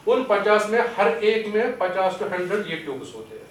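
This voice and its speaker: A man's voice: high-pitched, expressive. A man with a Kashmiri accent giving a training lecture, explaining step by step, asking questions and then answering them, slipping English terms into his speech. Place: lecture hall. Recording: echoey hall, distant mic, faint hiss.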